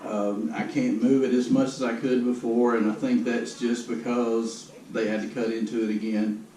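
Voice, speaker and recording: In this vlog health update, a man's medium-pitched, dark-toned voice stays flat at a moderate pace, sounding resigned and matter-of-fact as he talks casually. The audio is roomy and noisy, captured by a camera mic some distance away.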